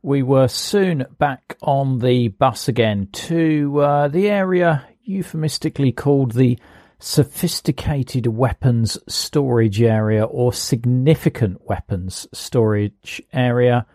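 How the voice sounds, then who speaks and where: Male documentary narrator, medium pitch, very little room sound. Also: mellow, no echo, clean studio sound. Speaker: host and narrator.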